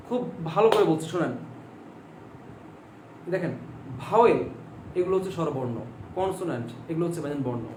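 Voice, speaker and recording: A man's voice: sits high, a little mellow, distant mic. A male teacher giving an online exam-prep lecture, repeating points and asking questions that he answers himself, stretching out example words to show how they are said. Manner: repetitive, quizzes listeners with questions and answers them himself. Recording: echoey room, voice a bit off-mic, faint background noise.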